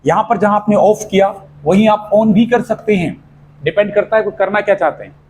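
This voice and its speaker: A high-voiced Indian man giving a spoken English lesson in a coaching classroom. He switches between Hindi and Indian-accented English and keeps checking in with his students. A faint hum of room noise sits behind him. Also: fairly quick, poor audio. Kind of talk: classroom lesson explaining grammar.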